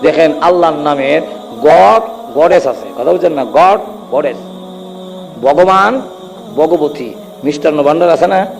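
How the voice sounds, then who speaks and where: A man preaching a Bengali waz sermon in a sing-song way, speaking with a tinge and urging the crowd to answer louder. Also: fairly high pitch, unhurried, vocal fry, pauses often. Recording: long hall reverb.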